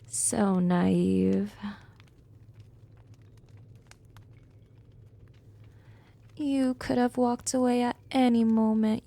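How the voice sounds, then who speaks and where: In an ASMR roleplay, a woman plays a seductive vampire hypnotist, delivering an intimate monologue very unhurriedly. Her fairly high voice is mellow, soft, and breathy, often dropping into whispers as she teases and coaxes with gentle, smug control.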